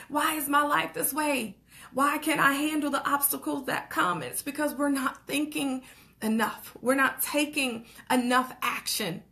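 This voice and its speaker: Fired up and preachy, a young woman vlogger with a fairly bright, slightly high voice urges her audience toward goals and action, repeating her calls to act. Short laughs fall between her phrases, and she keeps asking "okay?" and saying "like."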